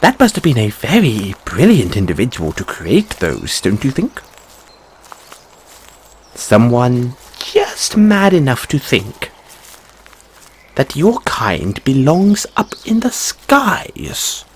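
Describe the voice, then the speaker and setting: Here the man's heavily acted rabbit boy, anxious, polite, and whimsical, speaks at a medium pitch with huge pitch swings, slowly and slightly roughly. It's a theatrical fantasy audio roleplay addressed to the listener, full of stammered, courteous, old-fashioned phrasing, in a whimsical, musing mood.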